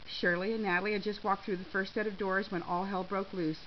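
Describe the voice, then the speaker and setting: A woman reading a short story aloud in a lively, expressive way. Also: medium pitch, a little fast. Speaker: reader. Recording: slightly dull with faint hiss.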